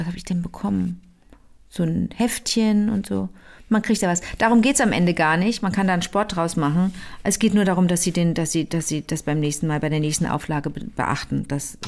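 A woman retelling a novel in casual chat, lively, with many fillers and restarts. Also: lowish voice.

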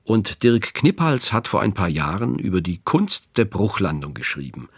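A man's voice: low voice, very animated, slightly rough, dry recording, clean studio sound. A man in his fifties giving a reflective scripted radio narration as host. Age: 50s. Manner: reflective, measured.

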